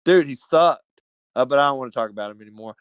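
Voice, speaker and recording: A man from Alabama with a Southern US accent, telling stories as a podcast guest in an animated, slangy, profane way. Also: medium pitch, quick pace, clean tone, no room sound. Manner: animated, slangy and profane, calls everyone dude. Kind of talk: casual storytelling chat.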